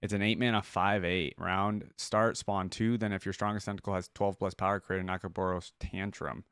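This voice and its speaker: Hosting a casual live reaction, a man thinks aloud informally over game trailer audio and music. His low voice is clear and resonant, a bit bright, with flat delivery at a brisk pace.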